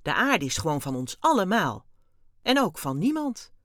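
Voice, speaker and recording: A woman's voice: fairly low pitch, sing-song, normal speed, no room sound, studio quality. A woman reading a children's story aloud, voicing an earnest young boy who stammers when startled. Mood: upset, earnest.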